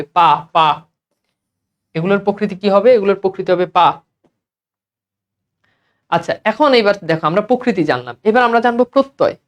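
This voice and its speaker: A male teacher from Bangladesh with a high voice runs an exam-prep grammar lesson, posing questions and answering them himself in a repetitive drill.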